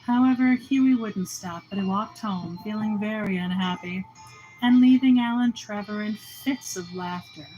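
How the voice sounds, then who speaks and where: A woman narrating a classic short story in a measured audiobook reading. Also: medium pitch, mellow, dull audio. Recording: faint background music.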